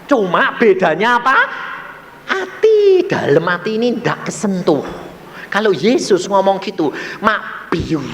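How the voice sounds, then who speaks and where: A male evangelist, preaching a sermon full of personal testimony. He swings from high exclamations to low murmurs. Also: expressive, measured pace, fairly bright tone, long reverb tail, slight background noise.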